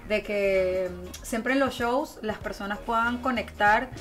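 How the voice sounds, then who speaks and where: Guesting in a radio studio, this Venezuelan-accented singer-songwriter tells stories with expressive warmth during a relaxed interview, using a close microphone and headphones. Her voice is medium-pitched and a bit bright, her pace unhurried, with soft music in the background.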